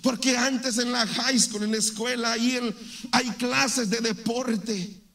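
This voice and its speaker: A man's voice: very high voice, steady tone, takes it slowly, pushed and bright. A man from Mexico, giving a fervent church testimony and often calling listeners brother.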